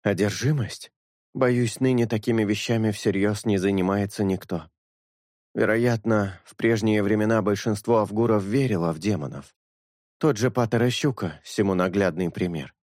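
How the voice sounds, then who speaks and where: Male narrator as a sincere young priest: measured, thoughtful, low voice, dry close sound. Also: darkish tone, no echo, lightly acted. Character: earnest young male priest, calm and honest.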